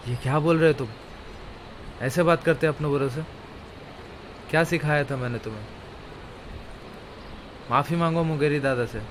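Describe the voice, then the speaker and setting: A man's voice: on the high side, a little hiss or hum, natural voice. A man doing a stern village uncle. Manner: lecturing, measured. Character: stern but calm village uncle, middle-aged. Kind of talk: animated cartoon voice acting.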